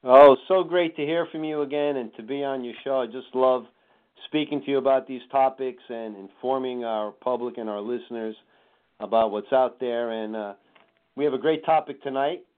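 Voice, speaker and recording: A man on a radio show as a chiropractor guest, friendly and explanatory, with jokey asides. His voice has a medium pitch for a man. It sounds tinny and narrow, as if on a phone call.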